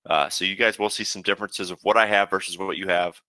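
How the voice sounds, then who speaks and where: Man, low-pitched, forceful bright tone, dry close sound; casual webinar trainer who walks through settings step by step. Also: fast talker, no echo. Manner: casual, steady instructional talk with frequent "uh" fillers. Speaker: software trainer. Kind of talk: webinar software walkthrough.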